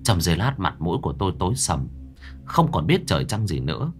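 A man tells a ghost story in the first person, his low voice rising and falling dramatically with every turn. Soft music plays quietly underneath. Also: big pitch swings, brisk. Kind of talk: horror story narration.

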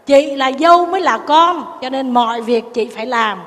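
A woman voicing a scornful, sharp-tongued older mother-in-law while retelling a story. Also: high-pitched, moderate pace, long reverb tail. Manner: scolding, contemptuous.

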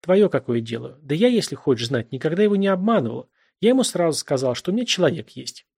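A brash young woman who needles and exclaims at her lover, put on by a male narrator. Her voice sits well above the reader's own and keeps a husky edge. An audiobook reading. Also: a little high, big pitch swings, fast talker, darkish tone, pitched above the performer's own voice, exaggerated voice. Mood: angry.

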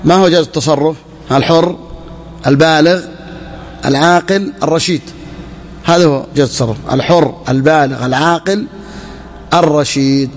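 Male religious teacher, raised pitch, slow when reading the text, reverberant hall. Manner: repeats key phrases, asks and answers his own questions; slows down when quoting the text. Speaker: sheikh teaching Islamic jurisprudence. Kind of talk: classroom lecture explaining a text.

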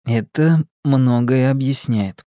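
A thoughtful boy in an audiobook who speaks slowly and deliberately. He sits close to the narrator's own voice, voiced by the reader. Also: medium pitch, mellow, no echo, lightly acted. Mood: grave. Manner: slow and measured.

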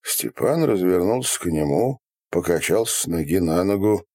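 A man narrating an audiobook in an expressive storytelling manner. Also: low voice, normal speed, no room sound.

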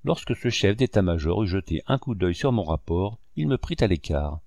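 A man narrating a first-person memoir as an audiobook, in measured storytelling. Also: deep voice, very animated, vocal fry, darkish tone, no echo, studio quality.

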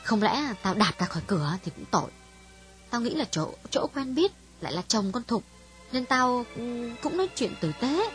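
A woman voicing a frank, worldly young woman in an audiobook, speaking bluntly to a friend in a husky voice. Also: high voice, animated, brisk, soft background music. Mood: earnest, candid. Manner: frank, dismissive storytelling. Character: calm, worldly young Vietnamese woman, older sister.

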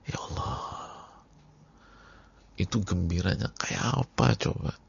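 A male Islamic preacher, giving a sermon as vivid storytelling that swings from whispers to loud, dramatic outbursts. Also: deep voice, big pitch swings, slow pace, creaky, slight background noise. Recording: dull lo-fi lecture recording.

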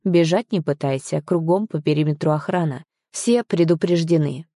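A smug, possessive young man who gives orders and mocks, read by a woman narrator in a low, dark voice. The sound is dry and close, with no room around it. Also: normal speed, no room sound, lightly acted. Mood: smug, commanding. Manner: mocking, commanding.

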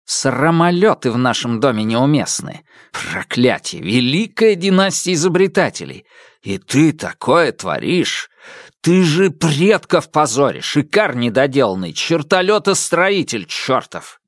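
A man voicing a stern, irritable older male professor who scolds in a measured voice. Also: medium pitch, lively intonation, no echo, clean studio sound. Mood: scolding.

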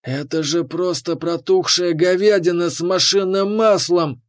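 Gruff male lizard mercenary, voiced by a male reader: hissing, drawn-out, raised voice. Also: a little high, pitched above the performer's own voice. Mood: outraged. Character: scarred alien lizard arms buyer, male, gruff.

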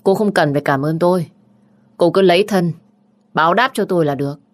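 Brief: woman reading a soft-spoken tender young man, low and gentle. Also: brisk, no room sound, studio quality, close to an everyday voice. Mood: teasing calm.

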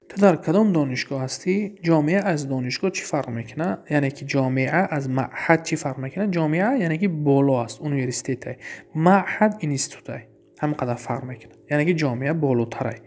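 A man with a Tajik accent teaching Arabic grammar in a class, reading each example slowly and then explaining it. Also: a little high, a little mellow.

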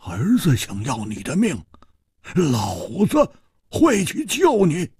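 A male storyteller voicing a boisterous, loud swordsman who shouts and laughs in high excited outbursts. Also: slow, husky, dry recording, clean studio sound, full character voice.

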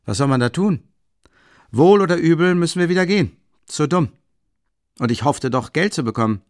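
An eager young man with a raised, lively voice that rushes ahead when he's worked up, as a male audiobook reader plays him. He presses his point with quick, insistent reasoning. Dry, close recording with no room sound. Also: on the high side, dry recording, voice pushed up, natural voice. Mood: frustrated.

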